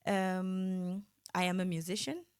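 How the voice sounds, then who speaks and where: A woman's voice: lowish voice, level tone, slow pace, a little mellow, clear, resonant tone. A woman, a vocalist chatting giggly and bubbly as a podcast guest. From Cameroon. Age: 20s. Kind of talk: casual chat.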